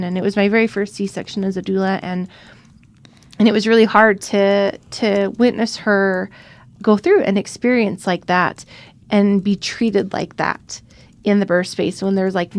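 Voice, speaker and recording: A woman doula and podcast co-host, earnestly retelling a difficult birth in casual conversation. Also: medium pitch. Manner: earnest, retelling a hard birth with acted quotes. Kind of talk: casual storytelling.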